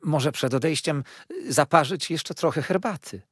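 A man's voice: medium pitch, big pitch swings, unhurried, creaky, slightly rough, no echo, studio quality, voice pushed up, full character voice. A man reading an audiobook voices a fawning, overly polite middle-aged landlady with a sugary, servile manner.

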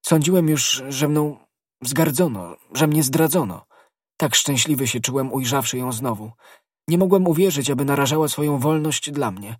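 A man voicing an anxious young musketeer who is a secretive lover, agitated and full of questions, in a husky voice. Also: medium pitch, expressive, moderate pace, dry recording, studio quality.

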